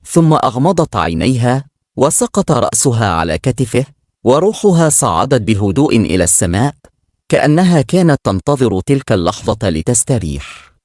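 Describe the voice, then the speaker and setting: A man's voice: mid-range voice, big pitch swings, normal speed, darkish tone, no echo, studio quality. A man narrating a scripted moral story in a solemn, dramatic storytelling manner.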